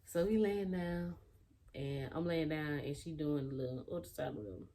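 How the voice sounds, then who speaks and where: Low-voiced young woman telling a story. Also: normal speed. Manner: animated retelling, acting out other people's lines; loose, conversational, with fillers and restarts. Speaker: vlogger. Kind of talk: casual storytime monologue.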